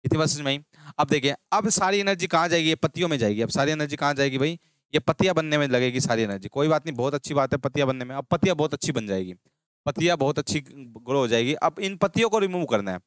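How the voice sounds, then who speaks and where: Male tutor, quick call-and-response drilling, clean close voice, dry sound. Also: a little high, expressive, fairly bright tone, clear, resonant tone, no room sound. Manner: drills terms with repeated call-and-response questions. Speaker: agriculture teacher. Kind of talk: exam-prep lecture.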